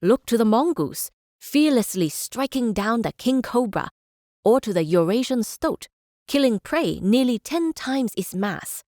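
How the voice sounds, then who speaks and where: In a studio-quality recording with no room sound, an actress voices a chancellor and scholar who is idealistic and measured. Her female voice is fairly high yet darkish in tone, with lively intonation, as she delivers formal, deliberate game speeches in a thoughtful, measured mood.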